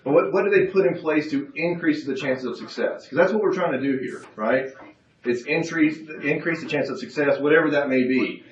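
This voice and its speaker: A man's voice: on the high side, brisk. A man giving a workshop presentation in a casual, folksy, self-deprecating way, drawing the audience in. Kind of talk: casual seminar talk with audience interaction. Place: conference room. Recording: roomy, dull, from a distance.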